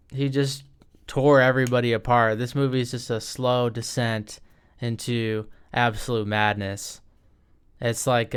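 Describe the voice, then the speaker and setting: A man's voice: medium pitch, a bit bright, clear, resonant tone. A young man giving casual, rambling commentary as he ranks movies into tiers, often cutting himself off and tossing in slang. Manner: rambling, self-interrupting, slangy. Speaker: video creator ranking movies. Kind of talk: casual tier-list commentary.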